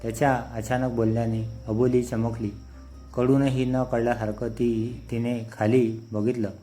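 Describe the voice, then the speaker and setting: A man narrating a scripted story in a steady, unhurried way, with soft music behind him. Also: medium pitch.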